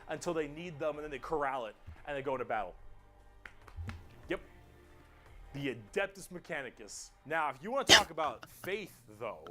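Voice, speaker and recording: A man's voice: a little high, expressive, normal speed, pauses often, sharp tone. A man narrating an explainer video in a casual, jokey style, with an emphatic, colloquial delivery. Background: background music.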